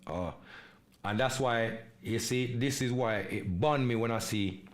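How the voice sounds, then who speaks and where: An English-born podcast host, unhurried and medium-pitched, speaks with a Jamaican Patois-inflected English accent. He delivers an emphatic, repetitive monologue on a live podcast, sprinkling in patois slang.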